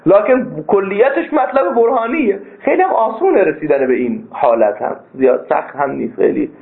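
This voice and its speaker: A man teaching a philosophy class as a seminary lecturer, stressing key points with sudden leaps in pitch. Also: very animated, gravelly. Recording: tinny phone-like sound.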